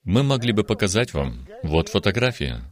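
A man's voice: on the low side, sing-song, moderate pace. A man in his eighties giving an earnest, emphatic religious testimony on a television studio program. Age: 80s. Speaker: guest giving a healing testimony.

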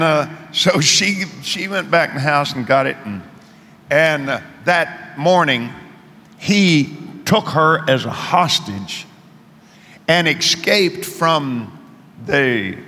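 A man preaching a sermon and telling a story, animated, rising to shouts and dropping low for asides. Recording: echoey hall with faint noise.

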